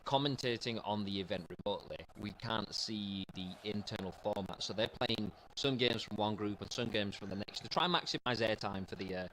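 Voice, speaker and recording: A man doing color commentary on a football video game tournament from a studio, giving measured, halting analysis. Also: on the low side, fairly bright tone, a little hiss or hum, poor audio.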